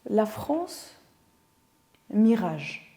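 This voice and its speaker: A woman's voice: mid-range voice, big pitch swings, very slow, warm tone. A woman, a guest telling her story in a casual interview, thoughtful and searching for words. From Tunisia. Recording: roomy echo.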